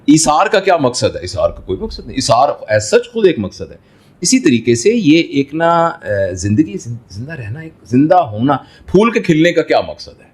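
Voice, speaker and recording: A man's voice: on the high side, very animated, breathy edge. A man who is a doctor, answering in an interview in a fatherly way, explaining through everyday examples and rhetorical questions. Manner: fatherly, addresses listener as son.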